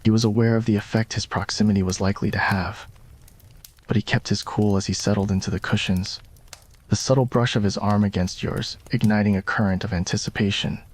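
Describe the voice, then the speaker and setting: Keeping a steady tone and going a little fast, a man with a fairly low voice narrates a romance in ASMR style, performing a scripted roleplay story.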